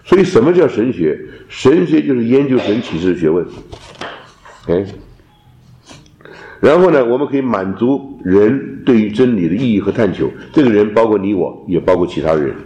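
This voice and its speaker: A man teaching a theology class, lecturing in an animated way and dropping in English terms. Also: on the low side, moderate pace, highs cut off. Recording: roomy echo.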